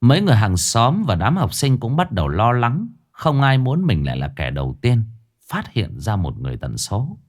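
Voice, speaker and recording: A man narrating a ghost story with expressive, dramatic pacing. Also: medium pitch, moderate pace.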